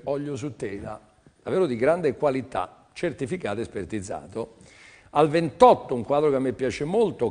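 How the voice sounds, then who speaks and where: An older man hosting a live art sale on television, talking in a chatty, teasing, rambling sales patter. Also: mid-range voice. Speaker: TV art auction seller.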